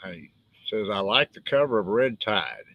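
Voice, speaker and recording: A man's voice: lowish voice, sing-song, normal speed, no echo, dull audio. An older man with a West Texas twang, an author chatting casually and rambling in a folksy way on a live stream. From West Texas, United States. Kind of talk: casual live-stream chat about own books.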